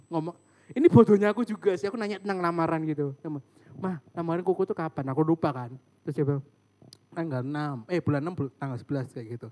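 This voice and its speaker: A young man telling a funny personal story in a casual sermon, joking with his listeners and acting out family members' voices. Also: sits high. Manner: animated, joking with the audience, mimics family voices. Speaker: preacher. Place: church service room.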